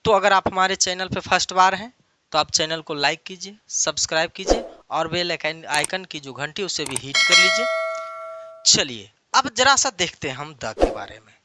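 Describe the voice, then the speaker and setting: A man's voice: a little high, animated, normal speed, background noise. A man teaching an online English lesson, explaining patiently and repeating key phrases many times over.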